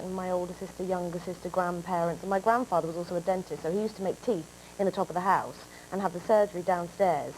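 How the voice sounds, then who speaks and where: A woman's voice: fairly low pitch, poor audio. English woman in her twenties, chatty guest on a talk show, bit of hum behind. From England. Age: 20s. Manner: animated storytelling, breaks into laughter. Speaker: actress guest.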